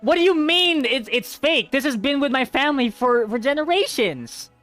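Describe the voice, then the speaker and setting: A man's voice: extremely high pitch, expressive, moderate pace, fairly bright tone, soft background music, voice pushed up. A man voicing an indignant male customer who protests in a raised voice.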